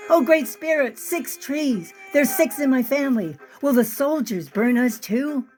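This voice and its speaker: A woman's voice: mid-range voice, measured pace, soft background music, natural voice. A woman reading her own novel aloud, voicing a frightened eleven-year-old girl who pleads in prayer as she flees. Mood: pleading.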